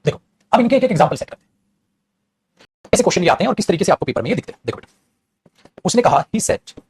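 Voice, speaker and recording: Rapid, husky man teaching a grammar class. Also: high-pitched, big pitch swings, darkish tone. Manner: addresses students as beta, repeats and drills, switches between languages. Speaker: English teacher.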